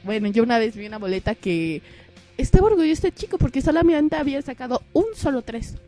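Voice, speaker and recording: A woman with a Mexican accent, a little hoarse, telling comic school stories in a casual vlog and acting out other people in squeaky voices. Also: fast talker, faint music behind. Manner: animated, acts out others in squealing high voices. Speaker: vlogger. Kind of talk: casual comedic monologue.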